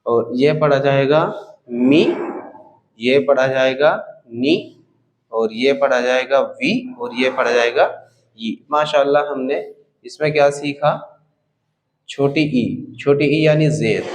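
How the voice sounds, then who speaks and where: Slow, patient male language teacher. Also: mid-range voice. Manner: drills each sound, repeats it and asks it back. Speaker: Urdu reading teacher. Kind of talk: slow, patient letter-by-letter lesson.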